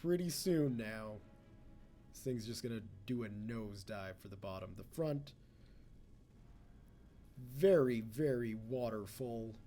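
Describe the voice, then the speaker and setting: A young native English speaker hosts a let's play, rambling casually through commentary as he plays, often talking to the game and mocking himself. His medium-pitched voice is expressive and warm, unhurried, with long pauses. Faint music sits behind him.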